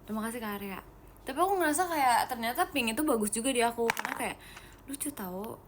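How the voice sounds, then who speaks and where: A young woman idol hosting a casual live stream, chatting quickly and giggling as she reads viewer comments and drops in English phrases. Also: on the high side, lively intonation, noisy background. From Indonesia. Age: young adult.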